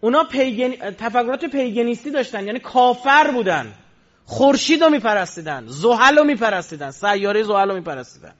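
High-voiced animated male religious lecturer. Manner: animated storytelling, swings from loud emphatic to low murmured asides. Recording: dull lo-fi recording.

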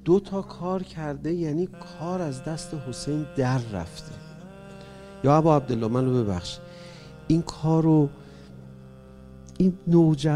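A man preaching an emotional mourning sermon, swinging between loud cries and hushed tones. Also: medium pitch.

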